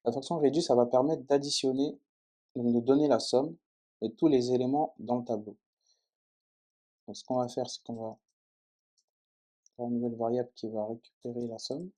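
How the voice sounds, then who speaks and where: The tutor's voice is mid-range and warm, with fairly even intonation, a moderate pace and long pauses. He teaches coding in French on a screen recording, explaining his typing step by step and regularly checking in with whoever is watching.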